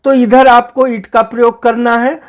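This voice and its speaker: A teacher explaining an English grammar lesson, reading example sentences out slowly and repeating the key points. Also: medium pitch, flat delivery.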